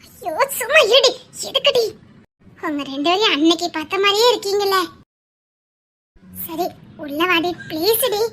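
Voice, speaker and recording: Performer as young woman visiting her friend, very high, bright voice, Tirunelveli accent, pleading, light noise behind. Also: animated, moderate pace, long pauses, full character voice. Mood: emotional. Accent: Tirunelveli Tamil.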